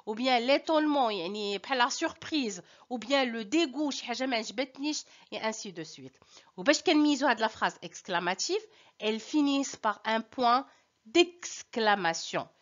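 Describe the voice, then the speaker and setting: A woman with a Moroccan accent teaching a French lesson, stressing key terms slowly and moving between French and Moroccan Arabic. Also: a little high, fairly bright tone, dull audio. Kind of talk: language lesson.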